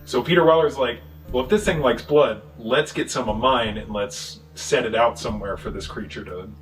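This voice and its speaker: A man casually recapping a movie plot, swearing and joking, with quick voices for the characters. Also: medium pitch, recorded from a distance, soft background music, rough recording. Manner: profane, jokey retelling with quick voices for characters. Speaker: podcast co-host.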